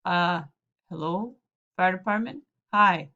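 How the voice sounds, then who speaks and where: A woman's voice: fairly low pitch, takes it slowly, pushed and bright, heavily acted. Woman doing flustered middle-aged uncle, storybook voice, sheepish, hesitant, slightly muffled lo-fi sound. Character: flustered middle-aged man, bumbling uncle phoning for help. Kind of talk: storybook read-aloud.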